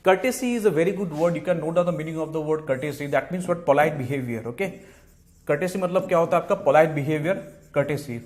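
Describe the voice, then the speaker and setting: A man's voice: fairly high pitch, takes it slowly, a little mellow. A man with an Indian English accent teaching exam vocabulary. He switches between Hindi and English, repeats each key word and answer, and keeps saying "fine" and "okay" between points. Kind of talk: exam-prep vocabulary lesson.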